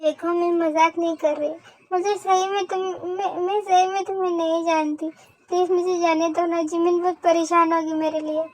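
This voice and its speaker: A woman's voice: very high-pitched, fairly quick, faint music behind. A young woman voicing a stubborn young heroine who turns frightened and pleading in a fan audio drama. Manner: pleading, tearful, talks back sharply.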